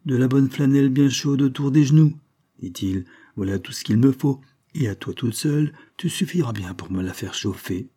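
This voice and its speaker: A man voicing an old peasant father, stern and gruff but kind, in an audiobook reading. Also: medium pitch, expressive, normal speed, dark tone, voice pushed up.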